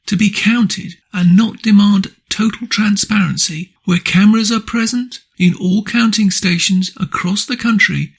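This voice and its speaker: Man, hoarse croaky voice, high-pitched, husky, emphatic radio monologue. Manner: emphatic, repeats rhetorical questions. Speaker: radio commentary host. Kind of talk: opinion monologue.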